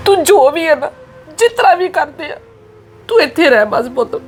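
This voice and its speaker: A woman's voice: fairly high pitch, expressive, moderate pace, slight background noise, natural voice. A woman with a Punjabi accent playing a worried mother who pleads earnestly with her married daughter. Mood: pleading. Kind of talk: family drama acting.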